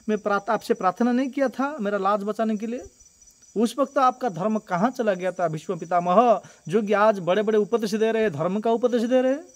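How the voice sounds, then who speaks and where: A man's voice: high voice, voice pushed down. A man voicing an indignant, wronged young queen in a devotional storytelling, firing accusing rhetorical questions and repeating his words for emphasis. He barely changes his own voice for her.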